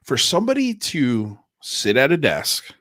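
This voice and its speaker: A man's voice: mid-range voice, huge pitch swings, unhurried, fairly bright tone, dry recording, clean studio sound. A man hosting a casual interview in an effusive, informal way. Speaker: livestream host.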